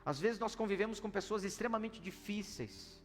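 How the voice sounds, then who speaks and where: A high-voiced male pastor delivers a sermon, telling a story in an animated way and swinging between loud and hushed delivery. His voice rings with the long reverb of a church hall. Soft music plays faintly underneath. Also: normal speed.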